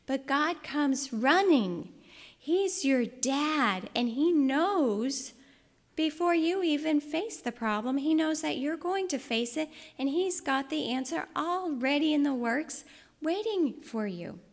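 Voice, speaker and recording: A woman's voice: sits high, expressive, takes it slowly. A woman giving a heartfelt personal testimony and devotional teaching, telling her story in an earnest way. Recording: long reverb in a large hall.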